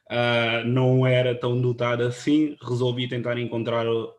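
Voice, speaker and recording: Guy from presenting at an online panel, earnest, pretty flat voice, lots of ahs. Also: mid-range voice. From Guinea-Bissau. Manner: earnest, halting, with many fillers. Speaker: panel speaker, photographer.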